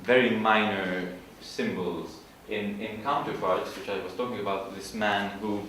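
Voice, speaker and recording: A man giving an informal literature presentation, explaining in a halting way and searching for his words. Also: lowish voice, fairly even intonation, fairly bright tone. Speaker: student presenter. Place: large room at an evening school event. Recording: echoey hall from far off, faint noise.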